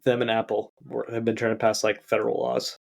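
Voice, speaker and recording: A man's voice: medium pitch, completely flat delivery, brisk, gravelly. A young man co-hosting a casual podcast chat, rambling along with lots of "like" fillers. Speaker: podcast co-host.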